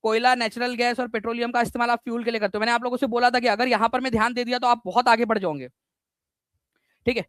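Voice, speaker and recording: Teaching an online exam-prep session live, this male instructor sounds lively and repeats himself often, firing questions at students and mixing in English terms. He speaks quickly in an extremely high pitch, with a dry recording.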